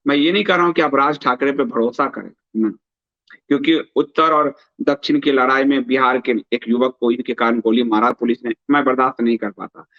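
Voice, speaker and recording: A man hosts news commentary in a mid-range voice, steady and a little fast, reading aloud and adding emphatic remarks. He repeats phrases for stress, and the recording sounds dull, lo-fi, and band-limited.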